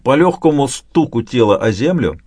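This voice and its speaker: A man narrating an audiobook in the first person, with a dramatic, expressive reading. His voice sits at an ordinary middle pitch and is recorded close and dry, with no room sound. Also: moderate pace, slightly rough, dry recording.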